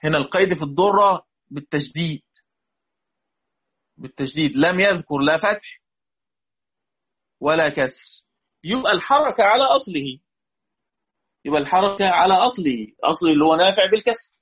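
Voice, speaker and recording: A man's voice: on the high side, expressive, a little fast, pauses often, fairly bright tone, husky, muffled recording. A man with an Egyptian accent teaching a recorded lesson on Quranic readings, patiently repeating key words and quizzing his students. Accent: Egyptian Arabic.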